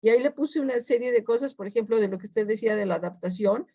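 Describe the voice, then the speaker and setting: A woman's voice: a little high, quick pace, vocal fry, mellow, husky, no room sound, highs cut off. A woman commenting to a speaker at a conference in a chatty, conversational way. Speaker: audience member commenting.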